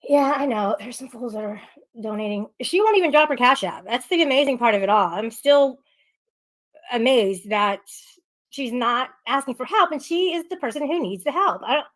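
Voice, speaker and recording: A woman's voice: on the high side, expressive, moderate pace, fairly bright tone, rough recording. A woman hosting a casual live audio chat, talking hesitantly with many fillers and restarts. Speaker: livestream host.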